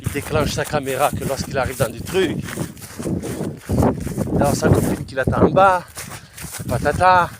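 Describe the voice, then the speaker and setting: Man, fairly high voice, chatty outdoor vlogger, loud wind on the mic. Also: normal speed, pauses often. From Aveyron, France. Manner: chatty, loose, slangy, talks straight to the viewer. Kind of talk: casual chat to camera while hiking. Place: outdoors on a windy rural hillside.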